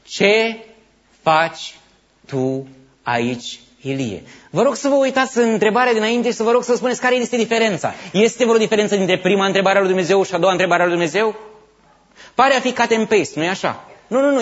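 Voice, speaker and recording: A man preaching a sermon, swinging between hushed asides and loud emphatic passages. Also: high voice. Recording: dull lo-fi sound.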